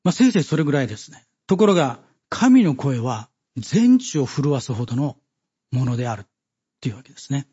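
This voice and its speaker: A man giving a Bible study sermon, measured and halting with many fillers, reading scripture passages aloud. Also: medium pitch, very animated, mellow, breathy edge, highs cut off. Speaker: preacher.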